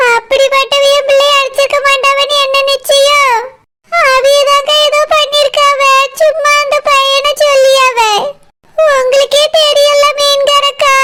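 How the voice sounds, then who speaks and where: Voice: very high voice, background noise. A voice actor playing a frantic village mother with a Kanyakumari Tamil accent, wailing and pleading over her missing daughter in a cartoon. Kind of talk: cartoon voice acting.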